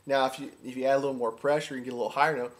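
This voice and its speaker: This duck calling instructor talks very fast, his medium-pitched voice holding a steady tone. The lesson is informal and full of repetition, driven by real enthusiasm for the craft.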